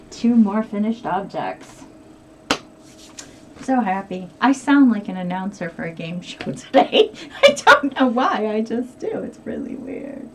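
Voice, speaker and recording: A woman's voice: medium pitch, far from the mic, a little hiss or hum. Chatty older woman showing her crafts. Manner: chatty, rambling, laughs often. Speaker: crafting vlogger. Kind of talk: casual show-and-tell chat.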